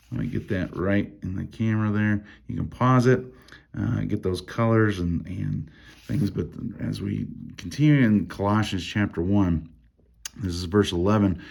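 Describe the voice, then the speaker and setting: Low, gravelly man thinking aloud over scripture. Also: darkish tone. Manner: thinking aloud, many fillers and restarts; reads scripture aloud between comments. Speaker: Bible study teacher. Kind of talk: casual Bible study walkthrough.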